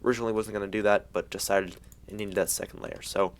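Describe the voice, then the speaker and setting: A young man with a fairly low voice narrates his gameplay casually. He talks like a frat bro, with loose slang and easy excitement. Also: quick pace. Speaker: gaming video host.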